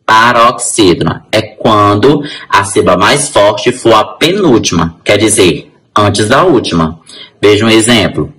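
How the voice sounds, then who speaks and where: Male teacher, deep-ish voice, unhurried delivery, talks straight to the class. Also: expressive, fairly bright tone, poor audio. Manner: slow, syllable-by-syllable example words; addresses class directly. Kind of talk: grammar lesson.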